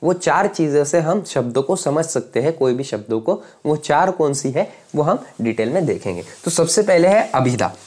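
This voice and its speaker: A man's voice: on the high side, expressive, moderate pace, few pauses, darkish tone. A young man teaching to a camera, explaining each idea with everyday examples and often stopping to ask whether his viewers follow. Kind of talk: explanatory lecture. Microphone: speaking to camera.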